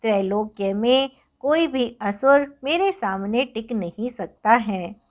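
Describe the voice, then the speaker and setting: A woman's voice: a little high, lively intonation, takes it slowly. A woman voicing a wrathful, mighty goddess who scolds her foe in a thunderous, scornful way.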